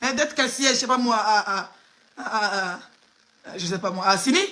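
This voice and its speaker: This Ivorian woman's voice sits in the mid range, pushed and bright, at a moderate pace. An online gossip blogger, she comments live in Ivorian-accented French, directly and emphatically mocking the person she criticizes.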